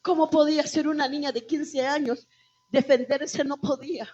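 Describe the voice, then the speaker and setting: A woman's voice: high-pitched, steady tone, normal speed, a little mellow. A woman pastor telling her testimony to a congregation, emotional and calling them brothers. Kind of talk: testimony sermon. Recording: dull lo-fi church recording.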